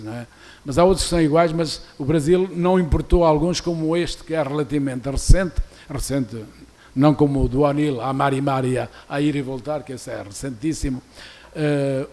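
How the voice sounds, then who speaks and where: Older Portuguese man giving a lecture. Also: medium pitch. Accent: European Portuguese. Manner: discursive, many restarts, reads quoted verses aloud more loudly. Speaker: university lecturer. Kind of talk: academic conference lecture. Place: university auditorium.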